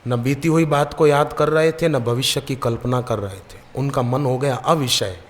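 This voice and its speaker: A man's voice: medium pitch, normal speed. A male spiritual preacher giving a devotional sermon, telling stories and acting out the people in his anecdotes. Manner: lively storyteller who acts out the people in his anecdotes. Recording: long reverb of a large hall.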